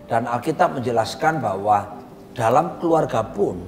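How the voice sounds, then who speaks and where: A male pastor preaching with steady emphasis in a mid-pitched voice, teaching his point with conviction. His voice rings with a long reverb, and faint room hum sits underneath. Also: measured pace. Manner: emphatic preacher, repeats partner's phrases. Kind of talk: conversational sermon teaching. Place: coffee lounge.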